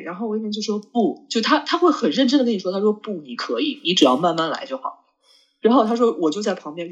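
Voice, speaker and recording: A woman with a mid-range, slightly rough voice co-hosts a podcast, chatting casually with a friend. She rambles, with lots of fillers and restarts.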